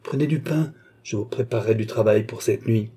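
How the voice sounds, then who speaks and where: A man plays an anxious aging philosopher in an audiobook. He speaks nervously and cautiously, in a low, dark and husky voice. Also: a little fast. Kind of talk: audiobook reading.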